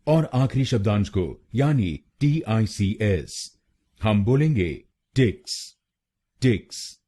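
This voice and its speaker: Slow, deliberate Indian man teaching pronunciation. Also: lowish voice, very animated, warm tone. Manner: slow, deliberate, repeats words syllable by syllable. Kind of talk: scripted pronunciation lesson.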